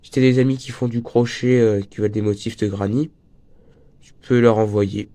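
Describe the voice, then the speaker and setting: A teenage boy with a slight cold and a breaking voice hosts a crochet tutorial, chatting casually and wandering off topic into jokes. He has a lowish, warm voice with a steady tone at a moderate pace.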